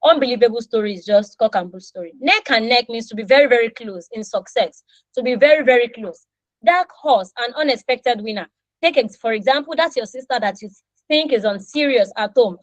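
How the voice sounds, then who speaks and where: Her voice a little high and her pace fairly quick, a Yoruba-speaking Nigerian woman in her thirties leads an online English lesson, playfully performing short example dialogues with the class. She is lively and animated throughout. The recording is low quality, with no room sound.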